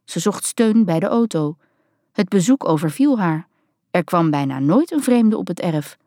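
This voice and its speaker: A woman narrating a novel in a steady, even storytelling manner. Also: fairly low pitch, moderate pace, no echo, clean studio sound. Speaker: audiobook narrator.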